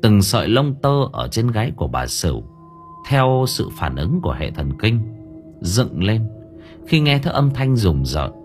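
Expressive, low-voiced male storyteller. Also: a little slow, soft background music. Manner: expressive, suspenseful. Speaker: audiobook narrator. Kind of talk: dramatic horror story narration.

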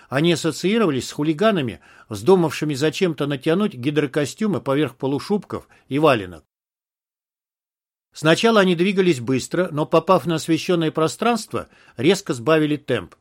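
Man narrating an audiobook, higher-pitched.

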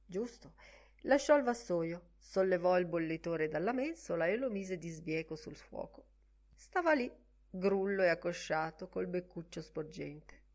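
Soft-spoken woman reading a novel. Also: lowish voice, unhurried. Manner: expressive, often dropping to a soft hush. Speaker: audiobook reader. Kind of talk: literary audiobook narration.

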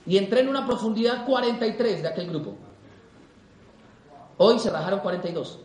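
This young Colombian motivational speaker addresses a live audience in an echoey hall, emphatic and full of repeated rhetorical questions. His voice sits high and a little mellow, brisk, with lively intonation.

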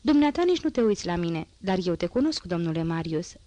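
A woman voicing a poor teenage girl with a hoarse, strained voice, chatty and boastful yet anxious, in a dry audiobook reading. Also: fairly low pitch, sing-song, dark tone, no room sound. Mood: eager.

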